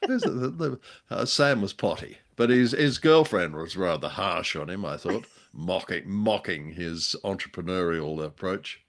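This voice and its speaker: Low-pitched, animated, and unhurried, the older co-host jokes wryly and a bit hesitantly. The casual podcast chat centers on reviewing an old radio drama.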